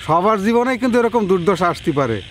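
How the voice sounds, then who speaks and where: A man's voice: high voice, animated, quick pace, slight background noise. An actor playing a man scolding his wife for laughing. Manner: scolding, reproachful.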